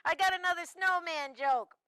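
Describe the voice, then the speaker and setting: A woman putting on a cheerful talking fir tree, a giggly corny jokester on a children's TV puppet show. The voice sits very high and bright. Dry close sound with no room around it. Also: moderate pace, no room sound. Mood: eager.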